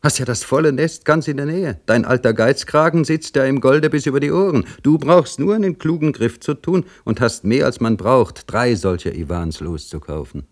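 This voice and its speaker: A man reading a story, voicing a bitter, sly male livery servant who grumbles loudly and mocks. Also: mid-range voice, normal speed, few pauses, pitched above the performer's own voice, close to an everyday voice. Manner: loud, complaining and mocking.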